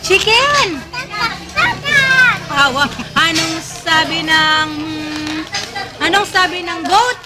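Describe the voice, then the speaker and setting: A woman's voice: very high-pitched, slow, over loud music. A woman filming her toddler at home-video style, coaxing and playfully prompting the child over and over. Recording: loud street noise and crowd chatter.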